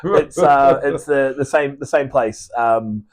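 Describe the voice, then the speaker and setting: A man's voice: medium pitch, takes it slowly. Guy in his 30s, aussie-kiwi accent all mixed up, rambly, keeps restarting, swears casually. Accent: mixed Australian and New Zealand. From Australia. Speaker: podcast guest. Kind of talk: casual chat.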